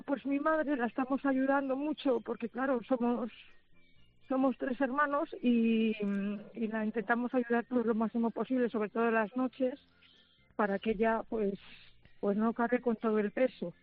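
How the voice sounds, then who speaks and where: A woman calling in to a radio show, speaking in a halting, heartfelt way and sounding close to tears. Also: a little high, fairly even intonation, faint music behind. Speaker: radio caller. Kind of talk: emotional phone call to a radio show. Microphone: phone. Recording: tinny phone line.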